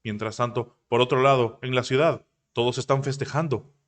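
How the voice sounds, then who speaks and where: A man's voice: medium pitch, steady tone. Man narrating a comic recap. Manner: rapid retelling with occasional self-corrections.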